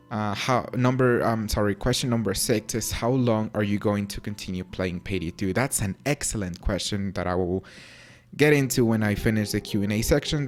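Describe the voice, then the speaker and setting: A young Mexican YouTuber answers questions to camera in a relaxed, rambling way, his low voice carrying a Spanish-tinged accent with a few British vowels. He's chatty and self-mocking, leaning on frequent fillers, while faint music plays quietly beneath him.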